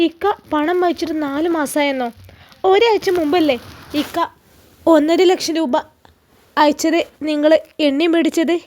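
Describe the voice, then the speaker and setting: A woman's voice: high voice, measured pace, a little mellow, a little hiss or hum. A woman voicing a desperate young mother who pleads in a raised, hurt voice. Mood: angry.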